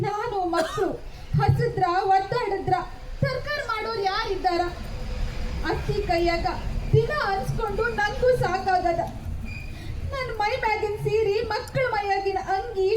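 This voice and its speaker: A woman's voice: very high-pitched, slight background noise. Woman playing a downtrodden young village wife. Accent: North Karnataka Kannada. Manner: plaintive, brooding lament. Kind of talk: dramatic story reading. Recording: roomy home recording.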